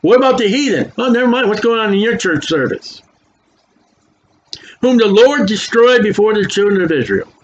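High-voiced older preacher with whistling s. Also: male voice, expressive. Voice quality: whistling s from new dentures. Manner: emphatic, folksy asides between slowly read verses. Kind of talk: expository sermon, reading scripture aloud with running commentary. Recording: dull lo-fi recording with faint noise.

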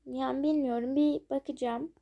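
Chatty high-voiced young woman gamer. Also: fairly even intonation, moderate pace, creaky, dark tone. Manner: chatty, self-conscious, giggly asides to viewers. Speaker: gaming channel host. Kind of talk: casual gameplay commentary.

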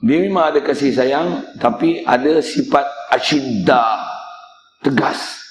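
A man's voice: mid-range voice, slow. Blunt preacher man in echoey hall. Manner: blunt and teasing, addresses the congregation directly. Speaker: religious teacher. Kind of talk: mosque lecture.

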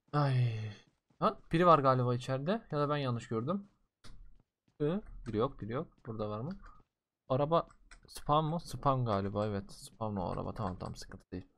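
A young man giving casual commentary while playing a mobile shooter game, slangy and excitable, swinging between loud outbursts and low muttering as he talks to his viewers.

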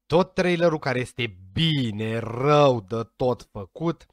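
A man's voice: medium pitch, animated, no room sound, studio quality. A man giving casual commentary to his viewers, chatty and speculative, sometimes tripping over names. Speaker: vlogger reacting to a series trailer.

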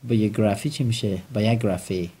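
A man's voice: lowish voice, steady tone, dark tone, slightly rough. A man teaching English vocabulary, quizzing his students and having them repeat each word back. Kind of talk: vocabulary lesson with call and response drills.

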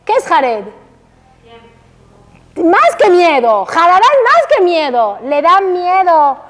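High-voiced woman teacher, emphatic. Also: slow pace. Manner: lively, emphatic, rhetorical questions to the audience. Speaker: religious teacher. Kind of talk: Torah lecture to women. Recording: long hall reverb.

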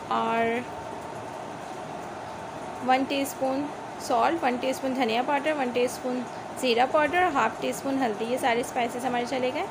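A Pakistani woman hosts a home cooking video, giving a chatty, homely step-by-step recipe voice-over from her home kitchen and repeatedly saying "see" to viewers. She has a high voice, and a phone or camera films the countertop from above, making for a noisy home phone recording.

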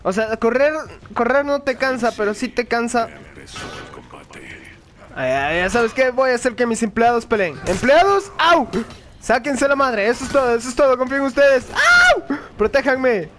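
A young man giving excited, joking commentary while he plays a video game, often yelling and laughing. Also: very high voice, normal speed, a little hiss or hum. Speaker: gaming video host. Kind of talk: live gaming commentary.

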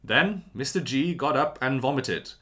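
A man's voice: mid-range voice, animated, measured pace, fairly bright tone, voice pushed up. A man voicing a formal nineteenth-century male country doctor, reading out a written report in an old-fashioned transatlantic diction. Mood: grave, formal.

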